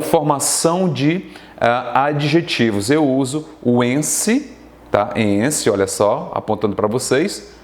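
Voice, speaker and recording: A male teacher with a Brazilian Portuguese accent walks viewers through spelling rules on a televised lesson. His voice sits at a middle pitch and carries a noticeable room echo. He keeps tossing quick check-ins at the class as he explains. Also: a little mellow. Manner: explanatory, asks frequent check-ins to students. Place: studio classroom.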